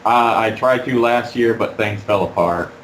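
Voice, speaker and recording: A man being interviewed about fursuiting while wearing a fursuit head, talking in a halting, rambling way with many fillers. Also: lowish voice, fairly bright tone, roomy sound, slight background noise, low-quality recording. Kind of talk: casual interview.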